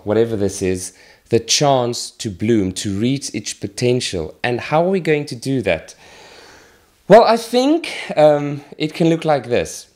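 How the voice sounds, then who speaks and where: A middle-aged man from Malawi, a charity worker, making an earnest, measured appeal while demonstrating with a plant. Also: medium pitch, a little mellow. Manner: earnest, measured, with pauses and restarts.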